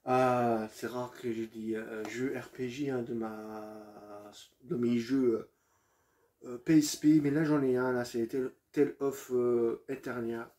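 A man's voice: mid-range voice, fairly even intonation, slow pace, dark tone. A man presenting his video game collection in a casual, hesitant way, with many fillers and restarts, addressing viewers as friends.

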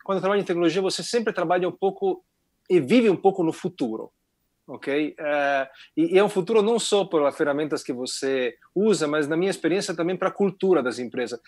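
A man's voice: a little high, no echo, clean studio sound. A man from Italy speaking with an Italian accent, explaining his views as a panelist on a video call. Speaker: panelist, tech executive.

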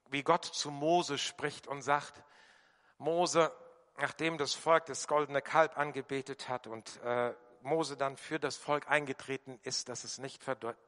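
Male preacher, bright and fairly high-pitched, emphatic sermon delivery, church hall with long reverb. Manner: emphatic, varies loudness, quiet voicing of quoted prayers.

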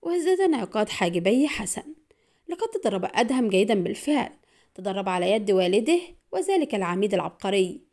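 Brisk dramatic woman narrator. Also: mid-range voice, very animated, a little mellow. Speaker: audiobook narrator.

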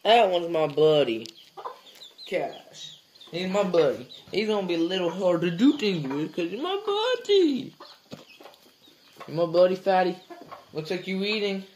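A man's voice: very animated, unhurried, pauses often, a little mellow, a little hiss or hum. Young man rambling through a farm vlog. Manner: rambling, talks to the animals in a high baby voice. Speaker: farm vlogger. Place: outdoors on a farm and in an open wooden barn. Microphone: phone camera held at arm's length.

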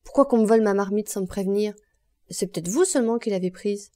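A woman voicing an old female servant who protests in loud, indignant outbursts, in an audiobook. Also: fairly high pitch, fairly quick, no echo, close to an everyday voice.

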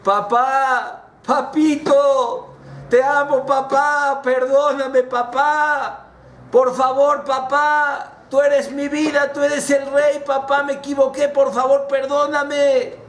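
A man's voice: extremely high pitch, flat delivery, moderate pace, hardly any pauses, fairly bright tone, reverberant, far from the mic, voice pushed up. A man with a Mexican Spanish accent voicing a remorseful young runaway prince who begs his father's forgiveness. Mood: pleading. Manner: begging, tearful pleading.

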